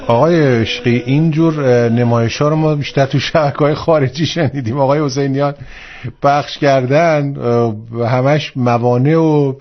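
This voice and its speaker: A male talk-show host asking his guest a question in a halting way. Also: mid-range voice, steady tone, highs cut off. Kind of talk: studio interview question.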